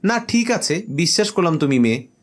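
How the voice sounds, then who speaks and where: A man's voice: fairly high pitch, very animated, fairly quick, pitched above the performer's own voice. A man voicing a young male jinn who makes TikTok videos, talking in a petulant, bantering way in a storybook comedy.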